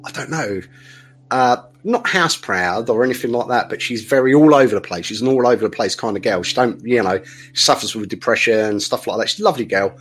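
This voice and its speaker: Man, middle-aged, podcast guest, rambling, candid, mid pitch. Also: brisk, a bit bright, breathy edge, soft background music. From south-east England. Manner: rambling, candid, full of restarts and fillers. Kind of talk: casual interview storytelling.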